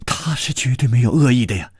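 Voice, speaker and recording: A man voicing a frightened young woman who pleads in a trembling, hurried voice. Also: mid-range voice, lively intonation, darkish tone, slightly rough, no echo, studio quality. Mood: pleading.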